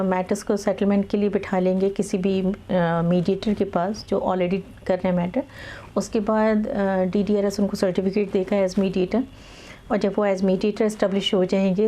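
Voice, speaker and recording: Measured woman advocate, flat mellow voice. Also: medium pitch. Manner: measured, many filler pauses, mixes English legal terms into Hindi. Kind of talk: explaining in conversational interview.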